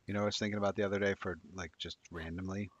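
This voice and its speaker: Thirties man, very low voice, quick chatty odds talk, dry lo-fi sound. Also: little pitch movement, dry recording. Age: 30s. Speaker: sports betting show co-host. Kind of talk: casual live-stream chat. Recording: dry, dull lo-fi mic.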